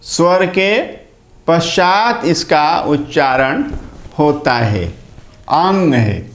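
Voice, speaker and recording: A man lecturing at a very slow, deliberate pace, drawing out each point and repeating key terms for his students. His voice sits a little high for a man and rings in an echoey room. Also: expressive. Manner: slow, deliberate explaining with repetition. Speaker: Hindi and Sanskrit teacher. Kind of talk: online lecture.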